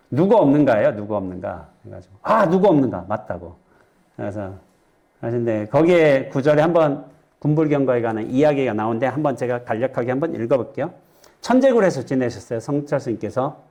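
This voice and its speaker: A middle-aged Buddhist monk from central Korea lecturing a lay audience in a chatty way, quizzing them and slipping in jokes. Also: male voice, mid-range voice, warm tone. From Chungcheong, Korea. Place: temple lecture hall with audience.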